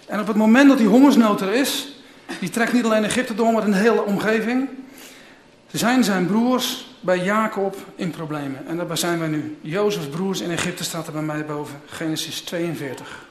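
A man's voice: sits high, moderate pace. A man preaching a sermon, retelling and reading a Bible story in a conversational way with small asides. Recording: roomy echo.

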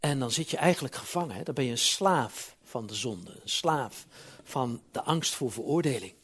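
A man's voice: medium pitch, lively intonation, normal speed, a bit bright, husky. A man preaching a sermon in church, talking conversationally with frequent asides and building to emphatic peaks.

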